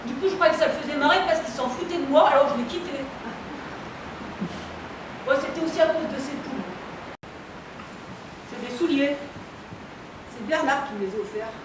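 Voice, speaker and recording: A woman's voice: high voice, moderate pace, long pauses, close to an everyday voice. An actress playing a lonely woman who rambles through a confessional stage monologue. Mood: confiding. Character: lonely woman confiding about her love life. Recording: distant mic in an echoey theatre, audience noise.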